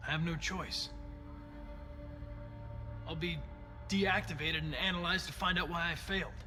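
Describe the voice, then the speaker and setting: Connor, a man playing a too-smooth android detective. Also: a little high, a little slow, lightly acted. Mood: flat. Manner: smooth, even, controlled delivery. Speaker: android police investigator. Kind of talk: video game voice acting. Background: game soundtrack music.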